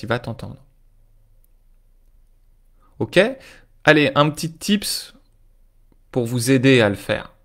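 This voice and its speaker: Male life coach, casual live-stream talk, speaks straight to viewers and keeps asking if they follow. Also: mid-range voice. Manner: informal, addresses viewers directly, often checks in with "ok?".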